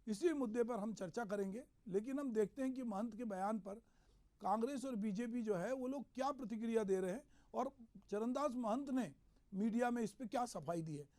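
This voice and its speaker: A man hosting a news show, giving measured, explanatory commentary on politics. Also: very high voice, mellow. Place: regional news studio.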